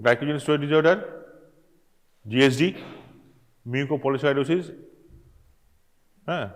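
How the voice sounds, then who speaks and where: A man's voice: fairly high pitch, fast talker, long reverb tail. A man with a Bengali accent giving a medical college lecture, quizzing students with rhetorical questions and joking asides. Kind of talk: classroom lecture mixing Bengali and English. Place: lecture hall.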